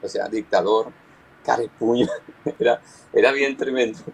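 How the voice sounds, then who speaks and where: Husky man giving testimony. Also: medium pitch, rough recording. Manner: earnest, halting, repeats words while recounting. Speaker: pastor. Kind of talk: personal testimony in conversation.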